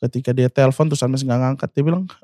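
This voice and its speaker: A man in his twenties, a singer and guest, telling an emotional personal story in a halting way, full of fillers and speaking of himself by name. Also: medium pitch, steady tone, mellow, no room sound, clean studio sound. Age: 20s.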